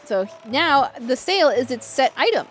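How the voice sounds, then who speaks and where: Female game streamer, high and very animated, chatty and playful, touch of vocal fry, music behind. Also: measured pace. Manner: playful, chatty, reacting to viewers. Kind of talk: casual livestream chat over gameplay.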